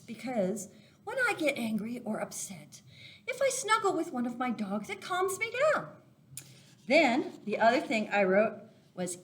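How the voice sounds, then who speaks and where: Leading a Sunday school craft lesson for children, a woman with a slightly high, somewhat bright voice walks through each step simply, the way one speaks to young listeners.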